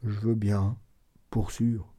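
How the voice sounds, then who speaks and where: A man voicing a shy, dazed young peasant man who stammers in a hushed voice. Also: lowish voice, level tone, slow, breathy edge.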